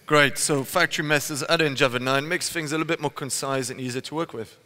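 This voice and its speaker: A Belgian man in his thirties, speaking fast in a fairly high, pushed, bright voice, co-presents a tech talk on a large conference hall stage through a headset mic. He prompts questions in a chatty way, full of "you know" fillers, and the hall adds long reverb.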